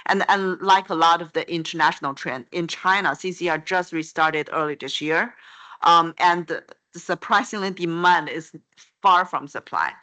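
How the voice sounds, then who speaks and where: A panelist giving remarks on a conference panel, talking fast and loosely with self-corrections. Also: medium pitch, sharp tone.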